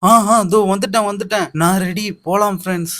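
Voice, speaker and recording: A man's voice: mid-range voice, a little fast, bright, forceful tone, no room sound, natural voice. A man voicing a jittery, easily frightened teenage schoolboy in a doll video. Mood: eager.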